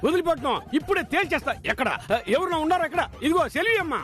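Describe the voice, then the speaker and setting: A loud, nosy hard-of-hearing old father. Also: extremely high pitch, rapid-fire. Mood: scolding. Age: older. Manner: loud, scolding, comic. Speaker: bride's father. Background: background music.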